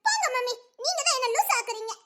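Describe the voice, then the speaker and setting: A woman's voice: extremely high pitch, sing-song, quick pace, fairly bright tone, heavily acted. A woman voicing a stubborn, confused young daughter who keeps protesting, with a Tirunelveli Tamil accent. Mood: insistent. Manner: insistent, protesting. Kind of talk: Tamil serial drama dialogue.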